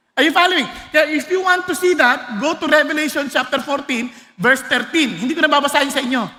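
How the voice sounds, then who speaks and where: A Filipino-accented pastor with an extremely high, sharp voice preaches a sermon, switching between Tagalog and English while laughing and joking with his congregation. The recording has a long hall reverb.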